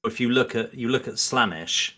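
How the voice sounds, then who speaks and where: This podcast guest has a mid-range, sharp-toned voice and keeps a moderate pace. In a loose, conversational chat he lays out his opinions, hedging constantly, drifting around, and performing imagined lines of dialogue.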